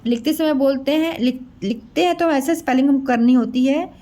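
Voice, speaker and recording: A woman teaching children, slowly spelling words out letter by letter in a sing-song way. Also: high-pitched, warm tone. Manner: slow, sing-song letter-by-letter spelling, addresses kids as beta.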